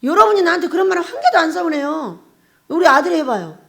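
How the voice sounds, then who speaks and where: A woman's voice: very high-pitched, very animated, fast talker, creaky. A middle-aged woman pastor giving a conversational sermon, putting rhetorical questions to the congregation and often breaking into laughter. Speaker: pastor and prayer house director.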